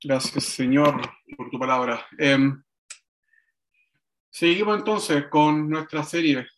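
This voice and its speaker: A man preaching a sermon, slow and reflective, with frequent pauses and restarts, for an online service. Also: on the high side, steady tone, fairly bright tone. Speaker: pastor.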